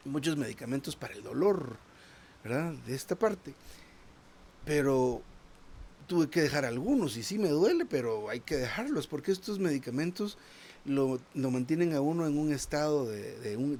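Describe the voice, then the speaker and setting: A man's voice: fairly high pitch, a little mellow, a little hiss or hum. A man preaching a sermon in a conversational tone, often asking the congregation "¿verdad?" and repeating small words as he searches for the next phrase.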